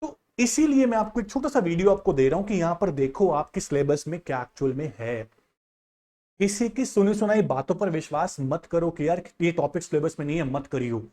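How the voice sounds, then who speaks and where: Higher-pitched male teacher, insistent. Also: lively intonation, a little fast, dark tone. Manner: direct, insistent, addresses students as "yaar" and "bhai". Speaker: economics teacher. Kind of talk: casual exam-guidance lesson, screen walkthrough.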